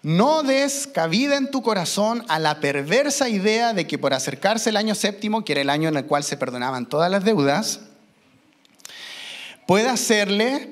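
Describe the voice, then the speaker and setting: Male pastor, high voice, emphatic sermon delivery with slow stressed phrases. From Chile. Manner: emphatic, slows down for key phrases, mimics children. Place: church.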